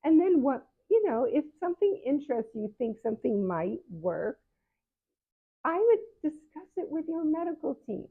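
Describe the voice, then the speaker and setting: This patient advocate, a woman of seventy, chats openly with her viewers on camera, giving advice and often correcting herself mid-sentence. She has a high, very animated voice and keeps a moderate pace. The recording has a thin, phone-like quality.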